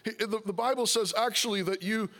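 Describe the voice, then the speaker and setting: A man preaching a sermon with a high voice for a man. His tone is bright and forceful. He talks conversationally, asking questions and voicing objections from his listeners. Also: a little fast. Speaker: pastor.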